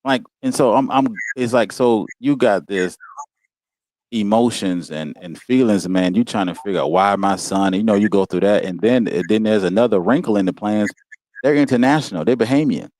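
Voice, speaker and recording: A very deep-voiced American man speaks as a podcast guest, recorded in a close, dry sound. His delivery is casual and heartfelt, full of "man" and "you know what I'm saying." His pitch climbs sharply when he relives emotional moments. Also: moderate pace, darkish tone, no echo. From United States. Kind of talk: casual personal storytelling.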